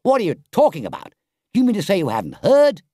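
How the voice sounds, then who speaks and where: A man's voice: mid-range voice, wildly swooping pitch, normal speed, a little mellow, no echo, studio quality, pitched above the performer's own voice. A man voicing a sensible, loyal water rat from a storybook, with a firm, emphatic, scolding manner. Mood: shocked, urgent.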